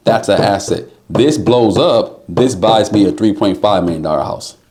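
An insurance business owner appears as a guest in a casual podcast conversation, emphatic and motivational, often repeating words to drive his point home. His voice sits on the low side, a little mellow, at normal speed.

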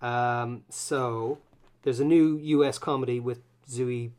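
A man's voice: medium pitch, steady tone, takes it slowly, a little mellow. A man co-hosting a podcast, chatting easily about TV shows, chuckling and correcting himself as he goes. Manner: easygoing, chuckling, self-correcting. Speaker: podcast co-host. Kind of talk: casual chat about TV.

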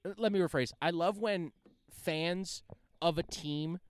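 A laid-back man co-hosting a sports podcast, chatting loosely and saying "dude" often. His voice is smooth and rather high, recorded close and dry. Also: measured pace, no echo. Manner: easygoing, says dude a lot. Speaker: podcast co-host. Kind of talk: casual sports chat.

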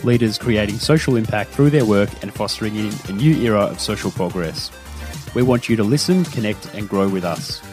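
A man hosting a podcast interview, upbeat and quick to laugh. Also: on the low side, animated, darkish tone, soft background music. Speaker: podcast host.

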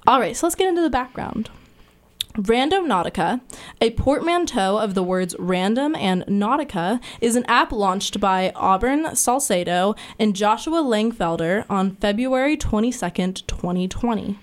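A young adult woman hosting a casual podcast chat, talking fast and loose with lots of "like" fillers. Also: mid-range voice, animated. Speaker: podcast host.

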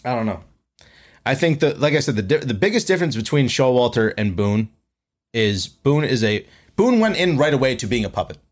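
A young man co-hosting a casual sports chat, arguing in an animated, profane way. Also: mid-range voice, a little fast.

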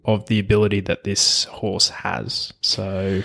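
Australian man, fairly low pitch, casual racing tipster, matey co-host chat. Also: little pitch movement, a little slow, vocal fry, fairly bright tone.

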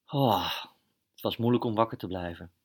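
Animated man telling a children's story. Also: lowish voice, breathy edge. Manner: animated, halting, repeats words.

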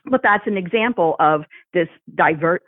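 A woman co-hosting a podcast, chatting casually and telling animated stories with frequent laughs. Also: on the low side, normal speed, dry recording. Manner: animated storyteller who laughs often. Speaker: podcast co-host. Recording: thin phone-like sound, dry.

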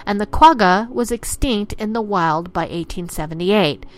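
A woman's voice: mid-range voice, moderate pace. A woman reading an explanatory scripted narration in the manner of a nature documentary, in long formal sentences. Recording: voice-over with music underneath. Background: music.

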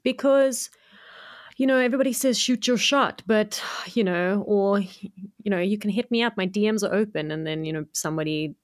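A woman's voice: mid-range voice, moderate pace, darkish tone. Bubbly woman podcast host. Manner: bubbly, laughs often. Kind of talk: casual interview chat.

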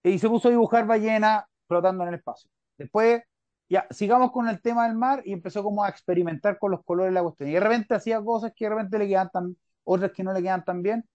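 A Chilean-accented man hosting a podcast, his voice dark and mellow on dull, muffled audio. He rambles through his points and keeps checking that the listener follows. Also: high-pitched, fast, no room sound. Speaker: podcast host. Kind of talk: casual interview chat.

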